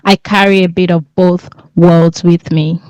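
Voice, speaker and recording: A woman born in England and raised in Nigeria, a podcast guest talking in a relaxed, thoughtful way and laughing easily. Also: on the low side, measured pace, no room sound, dull audio. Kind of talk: casual interview.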